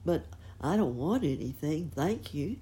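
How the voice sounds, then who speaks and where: A woman voicing a gentle, humble male pig who thinks he is ugly, speaking modestly and plainly. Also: low voice, big pitch swings, unhurried.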